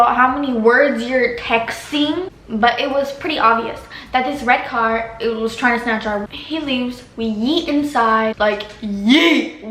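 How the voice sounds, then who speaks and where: A teenage girl vlogger tells a story in a dramatic, casual style loaded with slang. Her voice is fairly high and a bit bright, recorded in an echoey room with a faint hiss behind it.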